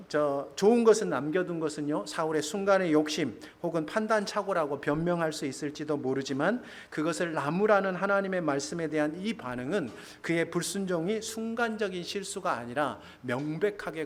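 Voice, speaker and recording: A male pastor preaching to his congregation in church, often asking them questions. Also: fairly high pitch. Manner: addresses congregation with questions, laughs. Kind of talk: sermon.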